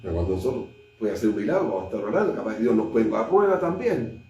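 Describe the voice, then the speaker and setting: A man, a pastor with a Chilean Spanish accent, preaching a sermon and acting out scripture scenes, swinging between loud and hushed delivery. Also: lowish voice, big pitch swings, rapid-fire, lo-fi sound. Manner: retells scripture with acted dialogue, shifts between loud and hushed. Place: church sanctuary. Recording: echoey church from far off, faint noise.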